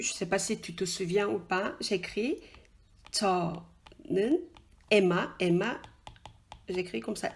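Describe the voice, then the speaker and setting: Chatty woman teacher. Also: mid-range voice. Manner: chatty and informal, addresses the learner directly, frequent "tu vois?" and hesitations. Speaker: Korean language teacher. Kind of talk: casual spoken lesson, explaining at a whiteboard.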